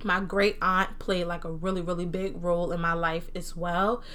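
A solo podcast host records from her room at home: a young New Jersey woman with an accent that mixes Jersey and Southern American speech. Her voice sits fairly low and moves at a normal speed, and her chatter is animated, casual, and full of slang.

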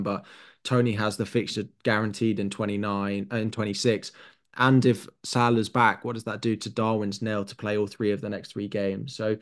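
A British man speaks as a guest pundit on a chatty podcast. His voice sits somewhat low. He reasons out loud in long, winding turns, weighing one choice against another. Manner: thinks aloud at length, weighing options. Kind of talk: casual podcast analysis.

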